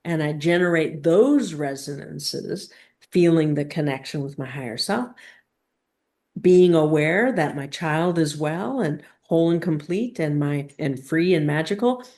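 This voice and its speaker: With a deep voice and darkish tone, she teaches a spiritual session, posing guiding questions and speaking in slow, halting phrases marked by emphatic pauses.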